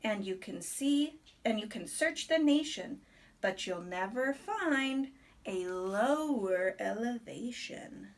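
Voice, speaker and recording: Reading a rhyming picture book aloud to a young child, a woman speaks in a deliberate, expressive storybook way and drops in chatty asides. Her voice is a little high.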